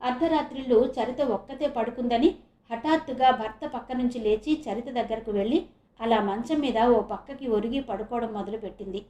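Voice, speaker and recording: A woman's voice: a little high, dark tone. Woman narrating a novel, echoey. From Visakhapatnam, India. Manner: measured, dramatic storytelling. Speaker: audiobook narrator. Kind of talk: audiobook narration.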